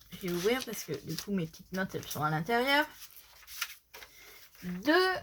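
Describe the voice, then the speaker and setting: A woman presents a hands-on craft tutorial in a fairly high voice. She takes her time, explaining each step and going back over it. A slight lisp gives her s sounds a slushy sh edge. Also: fairly bright tone. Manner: explanatory, repeats measurements and instructions.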